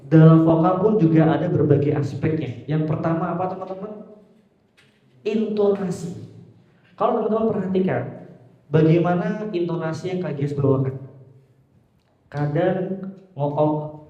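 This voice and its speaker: A man's voice: a little high, warm tone. A young man teaching public speaking to a live group, playful and teasing. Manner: playful, teasing, addresses the audience as friends. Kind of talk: lively classroom lesson. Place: classroom or hall before a live group. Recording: dull echoey hall sound.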